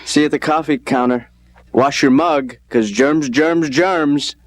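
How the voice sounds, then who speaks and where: A man's voice: a little high, a little slow, no room sound, soft background music, close to an everyday voice. A man voicing a needy, wisecracking grown son in a cartoon, whiny and needling. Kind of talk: improvised cartoon banter.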